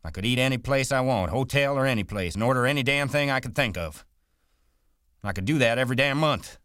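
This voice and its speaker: A man with a deep voice voicing an irritable, hot-tempered migrant worker who scolds in quick, exasperated bursts. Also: no room sound, clean studio sound, close to an everyday voice.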